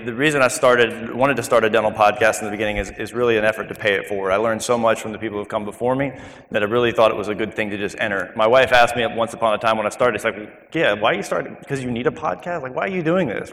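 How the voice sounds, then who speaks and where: Man, podcast host, casual banter, bright voice, hall echo. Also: lowish voice, steady tone, fast talker. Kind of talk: personal story told to a group.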